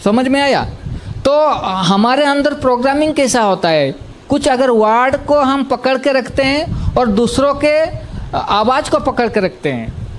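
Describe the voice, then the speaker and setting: High-voiced man explaining patiently. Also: lively intonation, unhurried, a little hiss or hum. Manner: repetitive, asks "samajh mein aaya?" to check understanding. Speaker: healing teacher. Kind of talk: explanatory talk on self-help.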